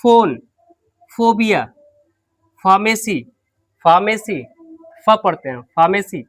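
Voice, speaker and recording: Sounding unwell, a man teaches English pronunciation in an online class with a slightly low, expressive voice. He repeats words slowly and quizzes his students.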